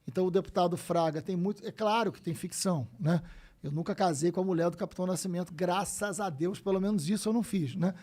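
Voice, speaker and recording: A man in his fifties with a Rio de Janeiro accent, a guest telling stories in a casual podcast chat, animated and swearing freely. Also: high-pitched, fast. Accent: Rio de Janeiro Portuguese. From Brazil. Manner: animated, swears freely, acts out quoted dialogue.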